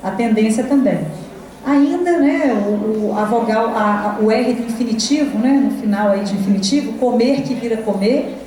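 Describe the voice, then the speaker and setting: A middle-aged woman with a Brazilian accent lectures teachers in a loose, chatty way, tossing in tag questions as she goes. Her voice is mellow and a little high. She is picked up from a distance in a very echoey hall, with faint noise behind her. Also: normal speed. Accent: Brazilian Portuguese. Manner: conversational, many tag questions and fillers. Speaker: university lecturer.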